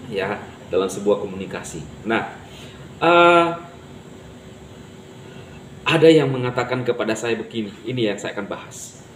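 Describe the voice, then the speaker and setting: A man hosting his own channel, giving a casual motivational talk to viewers in a chatty way, laughing at his own remarks. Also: medium pitch. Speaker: channel host. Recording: echoey room with faint background noise.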